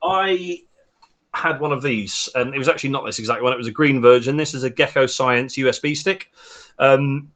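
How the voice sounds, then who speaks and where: This man, a guest on a casual podcast, mines bitcoin at home and makes hardware, and he discusses it in a chatty, cheerful, self-mocking way. Texas-born and London-raised from age eleven, he has a South London accent. His voice is medium-pitched and fairly bright, at a normal speed.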